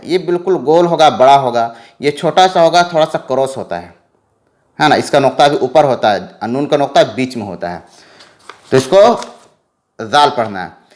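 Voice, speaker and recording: A man teaching letter reading in a patient lesson, repeating letter names slowly and drawn out. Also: a little high. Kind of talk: slow explanatory lesson.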